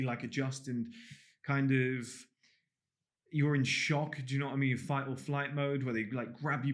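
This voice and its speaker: Blunt man teaching a course. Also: mid-range voice. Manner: blunt, swears freely, acts out little scenes. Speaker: body language coach. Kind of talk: casual spoken course lesson.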